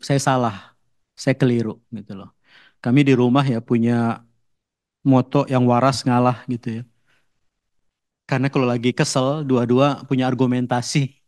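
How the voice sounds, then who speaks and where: A man preaches at an ordinary pitch, in the easy tone of a chat rather than a formal address. He tags his points with casual filler and briefly lifts his voice to play both sides of a domestic spat. The sound is dry and close, with little room echo. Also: darkish tone. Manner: acts out quarrels in raised voices. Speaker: pastor. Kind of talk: sermon.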